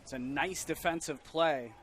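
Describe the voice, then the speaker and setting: A man's voice: a little high, normal speed, fairly bright tone. An American man giving live play-by-play commentary on a football game. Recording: faint outdoor background noise.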